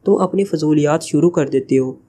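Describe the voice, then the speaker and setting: A man's voice: fairly high pitch, normal speed, warm tone, lightly acted. A man reading the part of an irritated young woman who scolds her teammate. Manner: exasperated, scolding. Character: irritated young woman, sharp team member.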